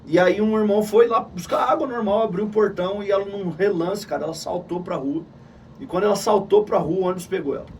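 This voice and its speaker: A middle-aged man with a Gaúcho Brazilian accent recounts a painful family story at a quick clip, his voice sitting high. He is heard from a few steps off the microphone, with faint noise in the background. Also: recorded from a distance. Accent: Gaúcho Brazilian Portuguese. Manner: animated, calls the listener "cara" often. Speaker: interview guest, missionary. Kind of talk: emotional personal storytelling.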